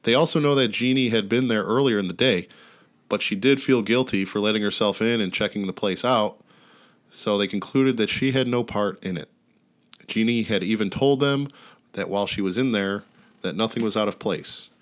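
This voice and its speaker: Over outdoor neighborhood sounds, a man with a lowish voice hosts a podcast at a normal pace. He retells a story wryly and casually, dropping in some relaxed swearing.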